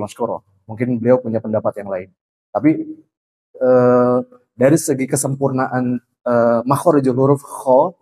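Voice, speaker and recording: A man's voice: medium pitch, darkish tone, low-quality recording. A man teaching Quran recitation at a mosque study class, demonstrating letter sounds over and over and explaining them patiently.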